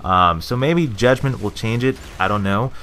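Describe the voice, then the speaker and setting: A man's voice: fairly low pitch, normal speed, fairly bright tone, a little hiss or hum. A young man giving casual gaming opinions, rambling with lots of fillers and restarts. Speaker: gaming video creator.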